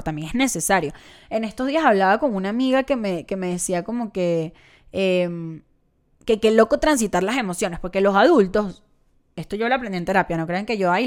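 Venezuelan woman podcaster, young, chatty and self-mocking, smooth clear voice, mid pitch. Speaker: podcast host and comedian. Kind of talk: casual solo podcast monologue.

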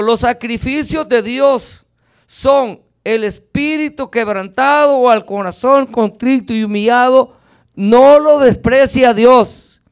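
Fervent high-voiced man preaching. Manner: fervent, swings between loud declarations and soft asides; keeps addressing listeners as brothers. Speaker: lay preacher. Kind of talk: evangelical sermon with personal testimony.

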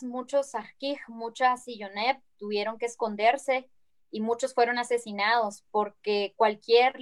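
A woman with a Guatemalan Spanish accent, a guest speaking earnestly and reflectively in an interview, often tagging her phrases with a questioning "no". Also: on the high side. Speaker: guest activist. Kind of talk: conversational interview.

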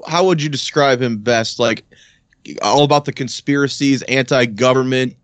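A man co-hosting a casual chat, leading the talk with quick questions. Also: medium pitch, a bit bright, dry recording. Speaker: podcast co-host.

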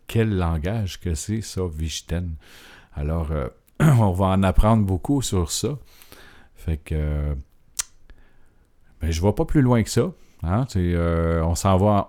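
Male host, Quebec French accent, deep voice, casual and rambling, lots of hesitations. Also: mellow. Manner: rambling, hesitant with many filler sounds. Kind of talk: casual radio-style presentation.

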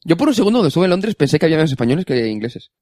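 A man's voice: on the high side, sing-song, rapid-fire, a little mellow, dry recording, clean studio sound. A man with a Spain Spanish accent, co-hosting a comedy podcast and chatting through his anecdotes with easy humor. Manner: chatty storyteller, laughs at his own anecdotes. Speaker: podcast co-host. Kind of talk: comedic casual chat.

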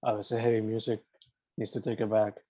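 A man's voice: on the low side, level tone, normal speed, warm tone, slight background noise. A man of thirty, an easygoing interviewer who asks questions and keeps affirming his guest. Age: 30s. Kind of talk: casual interview, mixing Spanish and English. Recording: dull, dry, lo-fi sound.

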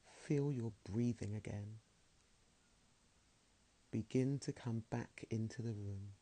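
Slow, deep-toned male meditation guide. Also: breathy edge. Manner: slow, soothing, soft-spoken.

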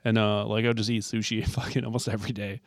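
A man's voice: lowish voice, flat delivery, quick pace, dry recording. A young man co-hosting a podcast, talking in a laid-back, profane casual style. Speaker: podcast co-host. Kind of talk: casual chat.

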